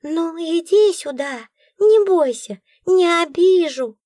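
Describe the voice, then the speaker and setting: A woman's voice: extremely high pitch, animated, takes it slowly, mellow, no echo, clean studio sound, voice pushed up, full character voice. A woman voicing a grumpy, bossy talking magic book who scolds and snaps. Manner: scolding, snappish.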